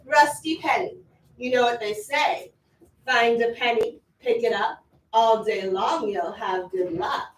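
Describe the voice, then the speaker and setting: A brassy barfly, played by a woman in a comic stage show, flirts for drinks in a slow, slightly high voice. The recording is distant and echoey. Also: natural voice. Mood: flirtatious.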